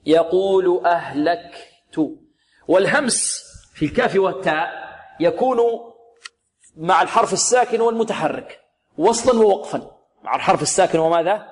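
A man teaching the rules of Quran recitation in a lesson, asking rhetorical questions, answering them himself, and slowly repeating words to show how they should sound. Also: sits high, lively intonation. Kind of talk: tajweed lesson, explaining and demonstrating recitation. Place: religious radio program recording.

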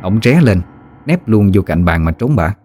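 A man with a Southern Vietnamese accent narrating a ghost story in a lively, folksy storytelling manner. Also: lowish voice, moderate pace, no echo.

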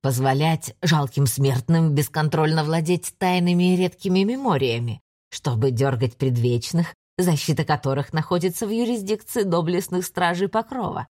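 A woman's voice: sits low, normal speed, warm tone. A woman voicing a sarcastic, defiant young man in an audiobook. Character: bold, cheeky young man, defiant and sardonic.

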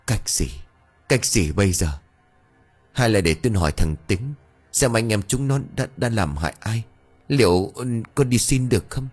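A man voicing a gruff, quick-tempered old village husband who talks in curt, irritable grumbles. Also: on the low side, expressive, darkish tone, soft background music. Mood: worried.

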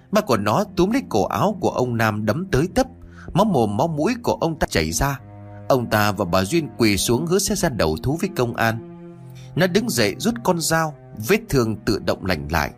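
Dramatic male horror narrator, animated pitch, soft music underneath. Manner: dramatic storytelling.

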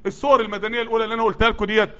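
A man's voice: sits high, little pitch movement, rapid-fire, bright, forceful tone, clean tone. A man preaching a sermon in an Egyptian Arabic accent, sweaty and worked up, urging his listeners on with repeated, building calls. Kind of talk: sermon to a live group. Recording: dull lo-fi recording.

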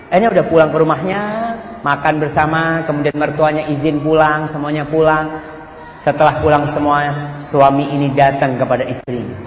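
A male preacher a fairly high voice tells a story and slips into the voices of its characters, swinging from loud to hushed. He is heard in a roomy hall a long reverb tail. Faint room ambience sits behind him. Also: slight background noise. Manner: storytelling, acting out dialogue, swinging between loud and soft. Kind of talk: sermon.

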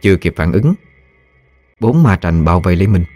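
A man narrating a ghost story in a slow, ominous storytelling manner. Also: deep voice, animated, a little mellow, dry recording, soft background music.

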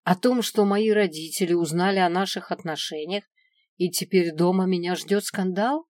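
A woman's voice: a little high, slow, darkish tone, no room sound, studio quality, voice pushed up. A woman reading the young teenage heroine of an audiobook, who snaps in resentful outbursts. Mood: angry, tearful. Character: young teen witch girl, sulky and hot-tempered.

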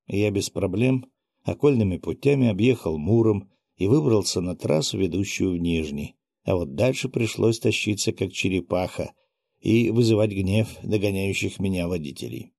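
A man narrating a first-person audiobook in a steady, even reading. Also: on the low side, gravelly, dry recording, studio quality.

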